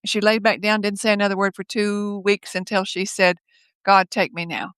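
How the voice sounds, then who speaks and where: An older woman speaking as a guest over a video call from her home office, telling stories in a lively way, laughing often and acting out the voices of others. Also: mid-range voice, moderate pace, smooth, no echo. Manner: lively, laughs often, acts out quoted speech. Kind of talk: casual conversational storytelling.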